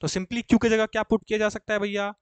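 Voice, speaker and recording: Young guy teaching chem, fairly high voice, dry close mic, keeps quizzing then answering himself. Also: flat delivery, quick pace, smooth, dry recording. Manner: coaxing, asks questions and answers them himself. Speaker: chemistry teacher. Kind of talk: exam-prep lecture.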